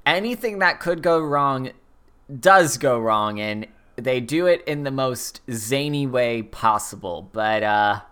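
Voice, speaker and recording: Very low-voiced, animated woman podcast host. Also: takes it slowly, clean tone. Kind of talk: casual film review chat.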